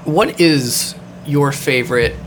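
A man's voice: medium pitch, takes it slowly, background noise. A man hosting a casual podcast chat, rambling with many fillers and the odd swear word. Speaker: podcast host.

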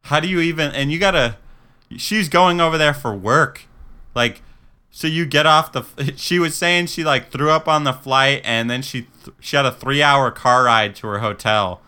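A man's voice: medium pitch, moderate pace, pushed and bright, smooth. A man hosting a podcast, telling stories loosely and laughing often. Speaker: podcast host. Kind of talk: casual chat.

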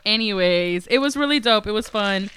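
A young woman co-hosting a casual podcast, telling stories in slangy, animated talk full of laughter. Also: mid-range voice, normal speed, slight background noise. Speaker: podcast co-host.

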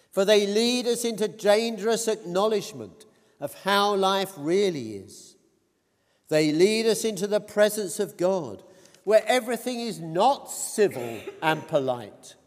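A man preaching a sermon in a measured, deliberate way, his voice rising on quoted cries. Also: high voice. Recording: long reverb of a church hall.

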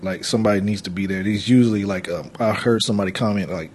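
A man co-hosting a casual podcast, making his points patiently between steady agreement. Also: fairly low pitch, fast, slight background noise. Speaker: podcast co-host.

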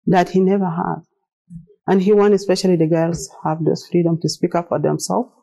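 Speaking in plain, sincere non-native English, a middle-aged woman from South Sudan presents her own story. She grew up speaking Arabic and Dinka and has a South Sudanese accent, and her voice is low-leaning and dark. The audio is poor.

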